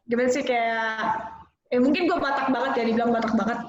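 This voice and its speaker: A woman co-hosting a casual podcast chat, animated and slangy, laughing often. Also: a little high, fairly quick, a little hiss or hum. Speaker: podcast co-host. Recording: roomy, distant, dull lo-fi sound.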